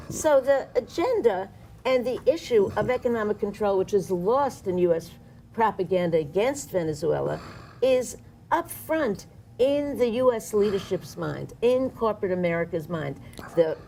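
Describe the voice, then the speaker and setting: Woman activist, studio panel guest, gravelly and mellow, impassioned and sarcastic, faint hiss. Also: medium pitch, expressive, normal speed. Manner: impassioned, sarcastic political commentary.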